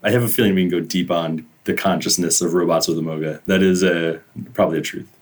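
A man's voice: sits low, fairly even intonation, fast. A man co-hosting an interview, asking questions in a loose, chatty way full of "like" fillers. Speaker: co-host. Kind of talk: casual interviewing.

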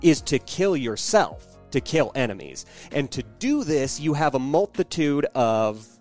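Man chatting casually, medium pitch. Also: very animated, unhurried, a little mellow, faint music behind. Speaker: podcast co-host. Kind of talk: casual chat about video games.

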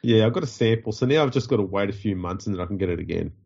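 A man's voice: fairly low pitch, expressive, very fast, gravelly, a little mellow, slightly rough, lo-fi sound. A man with an Australian accent and a nasal, stuffed-up voice from a runny nose, hosting a podcast in casual, dryly joking banter. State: getting over covid with a runny nose. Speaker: podcast host.

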